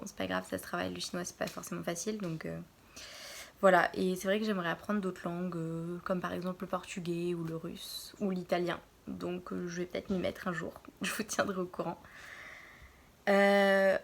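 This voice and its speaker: Woman, early 20s, from Normandy, casual vlog host; low-pitched with a gravelly edge, hesitant delivery. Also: slight background noise. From France, Normandy. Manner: hesitant, pauses often to think. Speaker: vlogger. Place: her bedroom.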